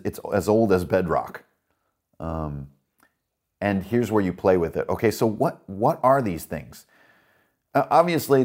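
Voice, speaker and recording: A man with a low voice hosts a roleplaying game podcast. He rambles with enthusiasm about his setting, leaning on fillers and asides. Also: darkish tone. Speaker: podcast host and dungeon master. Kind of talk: casual worldbuilding talk.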